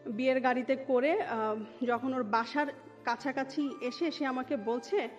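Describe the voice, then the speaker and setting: Speaking a little slowly in a high-pitched, steady voice, a woman in her thirties with a Dhaka Bangladeshi accent narrates her personal life story for an interview. She mixes English into her Bengali. The audio sounds dull and muffled, with music underneath.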